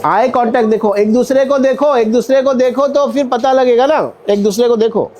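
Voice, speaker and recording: A man's voice: extremely high pitch, steady tone, brisk, a little mellow, a little hiss or hum. A man teaching a stage-fight drill to an acting class, counting punches and calling out corrections with energy. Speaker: acting instructor. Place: indoor acting studio with a class.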